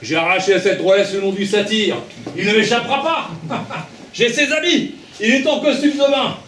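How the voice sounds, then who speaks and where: A man plays a hot-tempered, jealous captain in a stage farce, spitting threats in a high, swinging voice. He sounds distant and roomy. A steady hiss sits underneath. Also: normal speed. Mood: furious. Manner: blustering, threatening. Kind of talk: amateur stage farce acting. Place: theatre stage. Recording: echoey hall, far mic, noisy.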